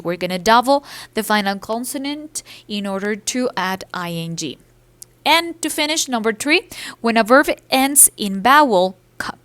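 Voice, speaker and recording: Slow, careful woman teacher. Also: fairly high pitch, a bit bright, clean tone. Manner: explains each rule in English then repeats it in Spanish, with fillers. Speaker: English teacher. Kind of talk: bilingual grammar lesson over slides.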